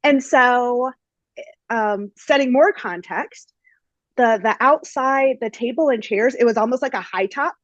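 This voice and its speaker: A woman's voice: fairly high pitch, a little slow, no room sound, highs cut off. A woman hosting a podcast, telling a story in a casual, chatty way with lots of fillers. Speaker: podcast host.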